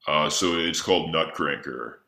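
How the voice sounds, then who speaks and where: A man co-hosting a podcast, stumbling along with plenty of "uh" and "you know". His voice is extremely deep yet sharp and tense in tone. The sound carries a roomy echo. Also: creaky, slight background noise. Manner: halting, many fillers. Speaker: podcast co-host. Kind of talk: casual podcast conversation.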